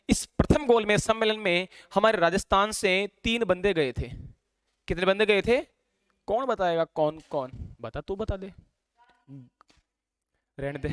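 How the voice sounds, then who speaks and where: A male teacher, giving a classroom lecture, quizzing students and dictating notes slowly with repeats. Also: high voice, clean tone, no room sound, studio quality.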